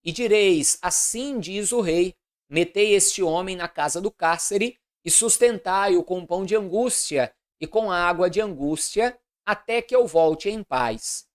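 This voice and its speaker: A woman, reading scripture aloud in a measured, deliberate way and adding commentary. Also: on the low side, animated. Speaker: Bible reader.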